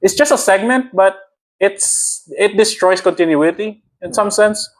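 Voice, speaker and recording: A young man with a Filipino accent, co-hosting a casual wrestling podcast and making his points with heat and emphasis, often laughing. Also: high voice. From Philippines. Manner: heated, emphatic, quick to laugh. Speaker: podcast co-host. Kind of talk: casual chat.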